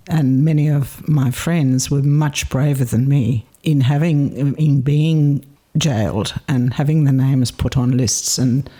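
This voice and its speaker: Originally from South Africa, a woman in her seventies looks back on her past during a recorded interview, taking her time. Her warm, mellow voice has a slightly husky, breathy edge and a low rumble. She tells her stories in a reflective, measured way, pausing to collect her thoughts.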